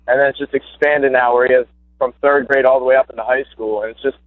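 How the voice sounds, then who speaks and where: Calling in over a tinny phone connection, a young man who played high school basketball talks fast and eagerly, full of fillers and restarts. His voice is mid-range with fairly even intonation, and there's no room sound in this casual interview.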